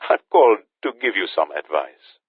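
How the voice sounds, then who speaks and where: A man voicing a suave, menacing male Haitian sorcerer villain with a Caribbean-tinged British accent, speaking smoothly and mockingly over a phone line. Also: low voice, sing-song, normal speed, dry recording, voice pushed up, heavily acted. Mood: smug menace. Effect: phone line filter.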